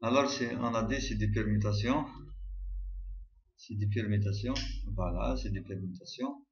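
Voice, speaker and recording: A man tutoring a university maths class, talking slowly and repeating himself, spelling words out letter by letter. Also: fairly low pitch, echoey room, muffled recording. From Algeria. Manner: slow and repetitive, spells out letters one by one. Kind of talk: recorded tutorial lesson.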